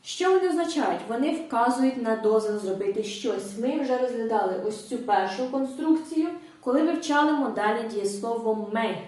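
Woman teacher going through grammar, higher voice, patient and clear, room echo, mic kinda far off. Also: expressive, normal speed, hardly any pauses, a little mellow. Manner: clear, patient step-by-step explaining with brief hesitations. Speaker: English teacher. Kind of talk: explaining grammar in a video lesson. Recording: echoey room, mic at a distance.

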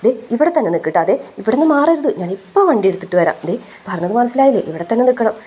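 A woman's voice: lively intonation, rapid-fire, warm tone, breathy edge. A woman voicing a young man who teases and fusses over a crying woman, in a playful raised voice. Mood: fussing. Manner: playful, mocking, raised pitch.

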